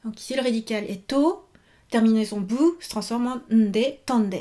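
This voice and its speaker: A woman's voice: fairly high pitch, dark tone. Patient French woman teaching Japanese. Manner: patient, repeats each example slowly. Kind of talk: video lesson.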